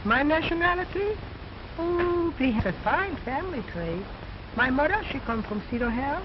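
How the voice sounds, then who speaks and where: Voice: high voice, very animated, moderate pace. Cheeky, swooping ventriloquist's dummy boy. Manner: broken-English wisecracking, sassy. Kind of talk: old-time ventriloquist stage act in a film. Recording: muffled old film soundtrack, loud noise.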